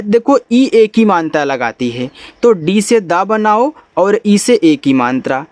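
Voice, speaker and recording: A man's voice: sits high, dry recording. A man teaching beginners English spelling, patiently spelling out letters one by one and repeating himself.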